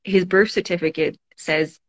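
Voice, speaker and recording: Reflective low-voiced woman guest. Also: fairly even intonation, moderate pace, highs cut off. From Toronto, Canada. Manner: reflective, thinks aloud with many fillers and restarts. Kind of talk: casual conversation.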